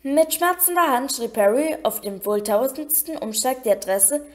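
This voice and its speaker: Expressive woman reading a storybook. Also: high voice, moderate pace. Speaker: audiobook reader.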